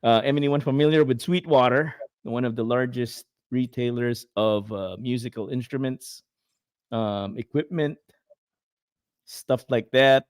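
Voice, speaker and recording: This podcast co-host, a man with a Filipino accent, has a mid-range, resonant voice and talks a little slowly and clearly. He rambles through a casual chat show, full of fillers and the odd laugh. The studio sound is clean with no echo.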